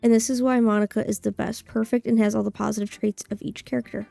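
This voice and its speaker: A woman's voice: fairly high pitch, flat delivery, fast, creaky, warm tone, no room sound, faint music behind. A woman streaming a game playthrough, casually commenting as she reads, with blunt, sweary, sarcastic asides.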